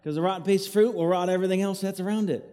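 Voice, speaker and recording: Man, pastor, call-and-response sermon, cave-like echo, slightly high mellow voice. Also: steady tone, rapid-fire. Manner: call-and-response preaching, has the crowd repeat after him. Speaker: associate pastor. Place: church hall, evening service. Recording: echoey church hall, cave-like reverb.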